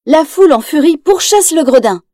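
Storybook narrator, woman, lively read, warm mellow timbre. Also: high-pitched, moderate pace, dry recording, clean studio sound, faint music behind. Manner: lively, acts out quotes in raised voice.

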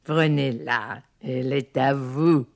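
A woman voicing a jealous queen turned into a cackling old witch, in a storybook recording, with a husky voice. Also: extremely low pitch, steady tone, takes it slowly, full character voice. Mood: wheedling. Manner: cackling, wheedling, sly.

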